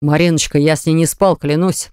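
A reader voicing a callous small-company boss who defends himself in slow, indignant tones. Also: male voice, on the high side, fairly even intonation, darkish tone, clear, resonant tone, dry recording, clean studio sound, natural voice. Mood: defensive. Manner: slow, indignant, self-justifying.

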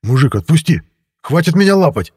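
A man voicing a loud, bossy police sergeant who barks rough, crude threats. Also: a little high, very animated, a little fast, pitched above the performer's own voice. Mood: barking, threatening.

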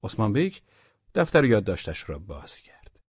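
Husky guy narrating an audiobook, lively pitch, dull dry sound. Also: no room sound. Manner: steady storytelling. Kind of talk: scripted narration.

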